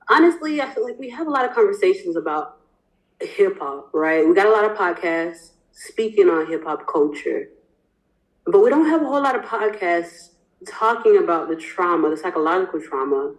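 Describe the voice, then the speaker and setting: A woman interviewing the host on a podcast, talking in a lively, effusive way with many casual fillers. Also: mid-range voice, low-quality recording.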